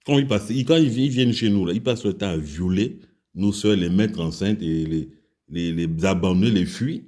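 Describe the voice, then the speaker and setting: A low-pitched, warm male voice moves at a moderate pace. The speaker, a Gabonese commentator with a Gabonese French accent, delivers a heated, crude and repetitive personal story and speaks out against those who run the country.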